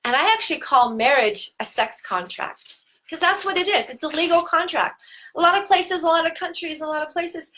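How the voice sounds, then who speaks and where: Woman tantra host, live talk, earnest and unhurried, stretches key words, high voice. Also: bright, forceful tone, a little hiss or hum.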